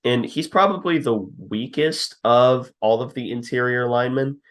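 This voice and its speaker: A man's voice: mid-range voice, normal speed. A young man co-hosting a podcast, casually breaking down a football team's linemen, reading stats and laughing at his own jabs. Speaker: podcast co-host. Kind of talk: casual football scouting talk.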